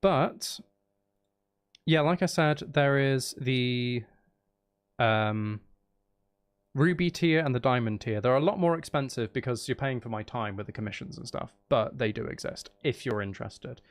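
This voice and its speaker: Here a male streamer with a mid-range voice takes his time, speaking unhurriedly. He plays host on a live game stream, bantering playfully and casually with his audience and muttering to himself.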